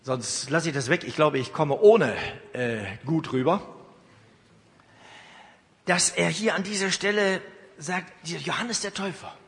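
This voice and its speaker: A man's voice: fairly high pitch, measured pace, pauses often, slight background noise. Man preaching in a reverberant church. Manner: emphatic, rhetorical asides to the congregation. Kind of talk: sermon.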